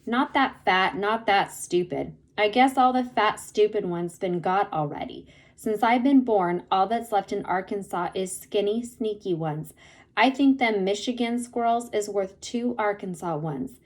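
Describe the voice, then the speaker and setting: A woman's voice: medium pitch, measured pace, close to an everyday voice. A woman voicing a friendly, talkative country boy from Arkansas with a folksy Southern drawl. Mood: eager.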